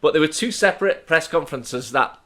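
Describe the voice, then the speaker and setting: A man's voice: fairly high pitch, expressive, fairly quick, a bit bright. A man in his thirties co-hosting a casual chat podcast, joking and laughing often. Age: 30s. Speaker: podcast co-host.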